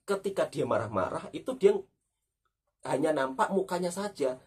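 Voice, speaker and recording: An Indonesian man hosts a reaction talk, commenting conversationally in a fairly high, animated, husky voice at a moderate pace. He repeats his points emphatically and frequently tacks on tag questions. He sounds as if recorded from some distance.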